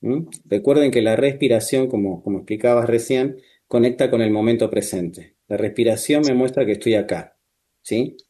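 A man working as a therapist, explaining calmly and measuredly with frequent tag questions. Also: mid-range voice, moderate pace. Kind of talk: calm explanatory talk.

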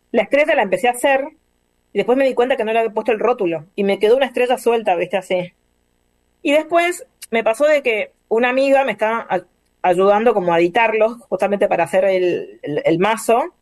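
A woman's voice: mid-range voice, dry recording. A woman with a Rioplatense accent, guest artist on a casual video call, talking in a rambling way and searching for words. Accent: Rioplatense Spanish.

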